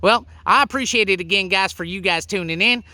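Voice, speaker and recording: A woman's voice: mid-range voice, a little fast, sharp tone, no echo. A woman hosting an educational farm video, eager and playful with exclamations. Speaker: host.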